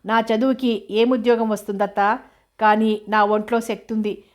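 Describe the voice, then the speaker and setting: A woman's voice: mid-range voice, little pitch movement, moderate pace, close to an everyday voice. Woman reading as Janaki, tearful defiant young woman. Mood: pleading. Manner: pleading, tearful. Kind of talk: audiobook character reading.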